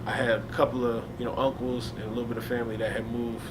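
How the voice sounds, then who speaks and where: A young man chatting in a loose, slangy way, telling stories about his family. His voice sits mid-range. There is a clear layer of noise behind him. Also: mid-range voice, fast talker. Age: young adult. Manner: laid-back, animated when telling stories, slangy. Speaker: hip hop artist, interview guest. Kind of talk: casual storytelling. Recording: noisy ambience.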